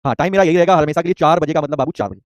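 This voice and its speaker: A young man teaching an online chemistry class, rapidly repeating points and firing quick questions at students. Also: fairly high pitch, no room sound, lo-fi sound.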